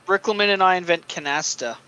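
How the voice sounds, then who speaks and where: A man's voice: high voice, fast talker, highs cut off, a crowd in the background. A man playing a tabletop game with casual, joking table talk.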